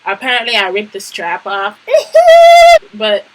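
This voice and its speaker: A young adult woman vlogger telling a story in a lively, emphatic, slang-heavy casual way. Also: medium pitch, slow pace, poor audio. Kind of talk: storytime vlog.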